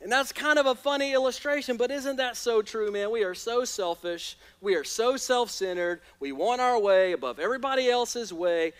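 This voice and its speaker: A man's voice: very high-pitched, normal speed, few pauses, smooth. An American man preaching a sermon in an emphatic, rallying way, with colloquial asides to his congregation. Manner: conversational, colloquial, often adds "right?" to check in with listeners. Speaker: preacher, church pastor. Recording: reverberant large hall.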